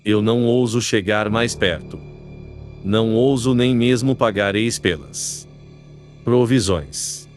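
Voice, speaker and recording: Guy reading scared stranger calling from a boat in the dark, low voice, pleading and halting, faint music behind. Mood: fearful. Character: man stranded in a rowboat at night.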